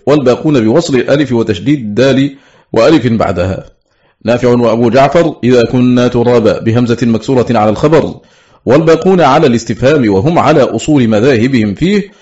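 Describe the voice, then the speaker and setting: A slightly mellow, medium-pitched male voice reads scholarly material for an audiobook. The delivery is steady and methodical as he lists things one after the next, captured on a dull lo-fi recording.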